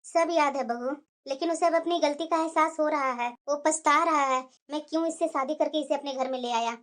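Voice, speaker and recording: A woman's voice: sits high, a little fast, a bit bright. Woman voicing a complaining old grandmother. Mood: lamenting. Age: older. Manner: lamenting, plaintive. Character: old grandmother, worried and complaining mother-in-law.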